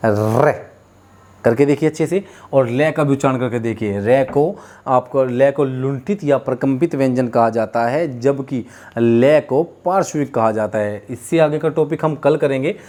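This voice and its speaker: With a dark tone and a medium pitch, a man moves at a moderate pace with few pauses through a classroom lesson on Hindi pronunciation. He repeats sounds and explanations, urging students to say them with him. Repetitive in style, he drills the sounds aloud and speaks to viewers as children and friends.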